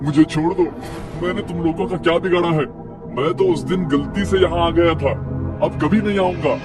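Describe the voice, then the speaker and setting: A man plays a timid, loyal driver in a horror cartoon, anxious and respectful as he speaks. His voice sits at a middle pitch over clearly audible music. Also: moderate pace, distant mic, natural voice. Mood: pleading. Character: timid, pleading male driver and loyal servant. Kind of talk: horror cartoon story acting. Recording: music behind the voice.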